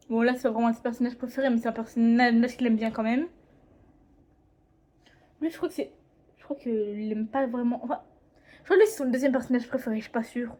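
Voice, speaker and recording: This teenage drawing vlogger has a fairly high, warm-toned voice. She chats casually from indoors at home, rambling, hesitating and frequently correcting herself.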